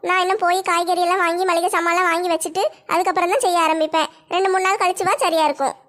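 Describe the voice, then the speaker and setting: A woman's voice: very high-pitched, level tone, rapid-fire, a bit bright. A woman voicing a bossy, scolding middle-aged village woman in a cartoon. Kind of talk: cartoon voice acting.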